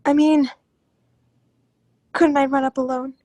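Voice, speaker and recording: In an old-time radio melodrama, a woman plays an anxious, secretive politician's wife, speaking hesitantly in a placating mood and breaking off mid-sentence. Her voice sits high with a dark tone, level and a little slow, recorded with no room sound.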